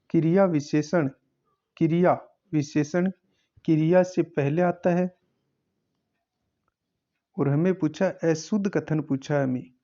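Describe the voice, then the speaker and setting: A man's voice: a little high, mellow, muffled recording. A man teaching, working through an exam paper question by question and repeating each answer. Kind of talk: exam paper solving lesson.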